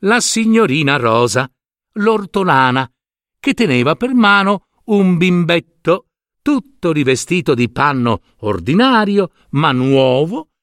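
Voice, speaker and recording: A man reading a children's story aloud with expressive, dramatic storytelling. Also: fairly high pitch, slow, no echo, studio quality. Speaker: narrator.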